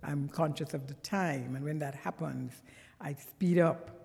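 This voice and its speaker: A Trinidadian woman with a Trinidadian accent preaches a conversational sermon as a guest in a church sanctuary, breaking into earnest, emphatic bursts. Her voice is deep and darkish with vocal fry, and her pace is measured. Long church reverb trails her words.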